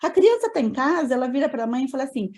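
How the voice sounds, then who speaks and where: A woman's voice: sits high, very animated, fast, a little mellow. A woman teaching a training lecture on learning disorders, explaining in a didactic way and putting rhetorical questions to her audience.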